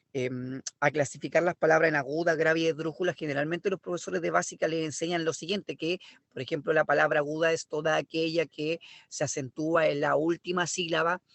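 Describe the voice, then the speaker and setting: A man's voice: on the high side, vocal fry, no room sound. A middle-aged man with a Chilean accent giving a language lesson, explaining step by step and often checking that students follow. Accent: Chilean Spanish. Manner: explanatory, checks understanding with "¿ya?" and "¿me explico?". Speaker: language teacher. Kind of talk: online class lecture.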